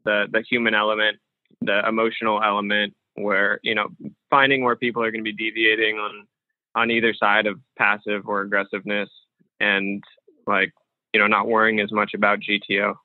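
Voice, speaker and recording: A man talks loosely as an interview guest, pausing and restarting his sentences often. His voice comes through a narrow, phone-like line with no room echo. The sound is thin and close. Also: fairly low pitch, monotone. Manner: thinks aloud with frequent fillers and restarts. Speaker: guest, professional poker player. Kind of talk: casual interview conversation. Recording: dry, phone-like remote call audio.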